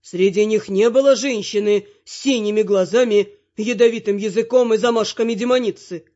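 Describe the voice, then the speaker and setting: A weary emperor, voiced by a woman reading the story, grumbles slowly and impatiently. The storybook recording is slightly dull and muffled. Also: medium pitch, mellow, close to an everyday voice. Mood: irritable. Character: weary, irritable male emperor.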